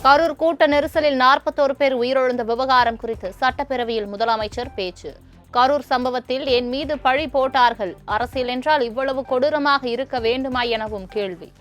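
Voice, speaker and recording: A woman's voice: high voice, faint music behind. Woman reading news headlines. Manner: measured, formal delivery. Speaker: news anchor.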